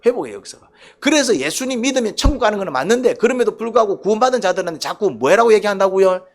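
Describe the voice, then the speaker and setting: Animated high-voiced Korean pastor preaching. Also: male voice, fast, creaky. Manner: animated, keeps asking the congregation questions. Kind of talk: sermon. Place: church.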